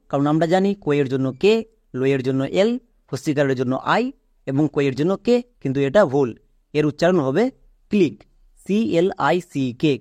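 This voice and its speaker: A man's voice: a little high, a little mellow, no room sound, studio quality. Man teaching English pronunciation. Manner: asks a question then answers it himself. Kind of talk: step-by-step spoken lesson.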